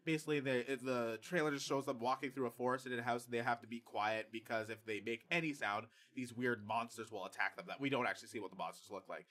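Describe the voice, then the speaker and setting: A man's voice: medium pitch, fairly bright tone. A man hosting a podcast, chatting casually with lots of fillers and frequent laughter. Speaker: podcast host. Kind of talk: casual chat.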